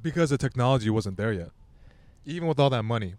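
A man in his thirties, a podcast guest, talking bluntly with lots of swearing and loud laughs. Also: medium pitch, expressive, fast talker, no echo. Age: 30s. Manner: blunt, profane, laughs loudly. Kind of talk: crude casual chat.

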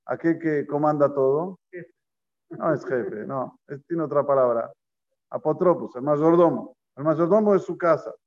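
Rabbi, lo-fi. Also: male voice, on the high side, measured pace, darkish tone. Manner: storytelling, poses questions to listeners, mixes in Hebrew terms. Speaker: rabbi teaching a class. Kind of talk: Torah class to a live group. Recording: lo-fi recording.

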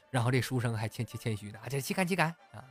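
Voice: mid-range voice, expressive, fairly quick, faint music behind. A storyteller telling a comic tale casually, chuckling along and using many fillers. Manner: chatty, laughs at own story, many fillers. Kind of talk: comic oral storytelling podcast.

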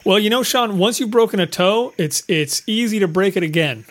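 A man with a fairly high voice talks through a film in casual podcast banter. He jokes freely and rambles, often repeating words as he works out a thought. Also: expressive, a little fast, a bit bright. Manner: joking, rambling, repeats words while thinking. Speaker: podcast co-host. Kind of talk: casual movie-review chat.

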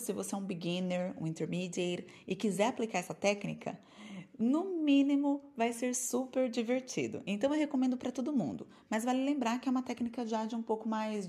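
A woman with a Brazilian Portuguese accent giving a casual online English lesson, chatty and lively, mixing English terms into her speech. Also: fairly high pitch. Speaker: English teacher.

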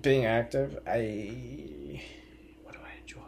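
A man in his twenties, a podcast guest, talking in a hesitant, laid-back, deadpan way. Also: medium pitch, takes it slowly, creaky, slight background noise. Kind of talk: casual chat.

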